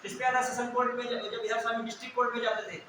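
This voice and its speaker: Young guy teacher, kinda high voice, keeps asking the class stuff then answering it himself, far from the mic. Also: flat delivery, racing. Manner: quizzing students, answering own questions. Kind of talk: classroom lecture with recall questions. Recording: very echoey room, distant mic, clear hiss.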